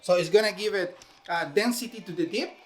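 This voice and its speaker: A brisk, high-voiced man from Venezuela, a chef with a Venezuelan Spanish accent, explains a recipe step by step in English. His casual cooking demonstration is packed with fillers.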